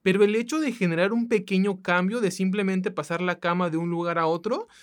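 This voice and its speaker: A woman's voice: medium pitch, steady tone, brisk. A woman from Mexico with a coastal accent, co-hosting a casual podcast in a colloquial, chatty way that speaks straight to listeners. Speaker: podcast co-host.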